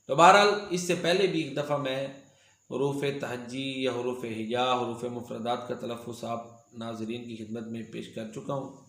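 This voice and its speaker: A man teaching Quran recitation in a religious lecture, explaining carefully and slowly repeating example words. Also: a little high, a bit bright. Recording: echoey room.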